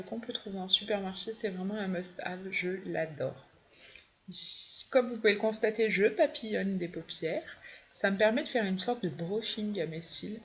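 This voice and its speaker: A young woman, a beauty vlogger, walking through her makeup steps in a chatty, upbeat tutorial. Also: medium pitch. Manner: chatty, fond of her favorite products.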